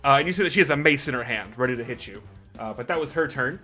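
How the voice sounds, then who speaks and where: A man's voice: mid-range voice, lively intonation, fast, sharp tone, soft background music. A man running a tabletop game as dungeon master, brash and profane as he explains the rules and narrates the fight.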